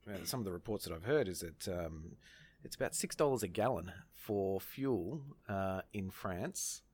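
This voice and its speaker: An Australian man in an informal radio discussion of current affairs, speaking in a halting, hesitant way. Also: sits low, expressive, darkish tone, slightly rough. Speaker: radio panellist.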